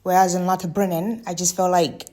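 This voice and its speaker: Low-voiced woman narrating a travel vlog. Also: little pitch movement, fairly quick, dark tone. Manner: chatty and candid, openly unsure of pronunciations. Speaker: travel vlogger. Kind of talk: casual voice-over narration.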